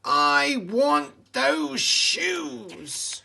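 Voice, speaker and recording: A man's voice: very high-pitched, very animated, extremely slow, creaky, bright, forceful tone, voice pushed up, exaggerated voice. A man voicing a gloating, greedy female storybook witch in a hissing, cackling, theatrical manner. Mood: seething.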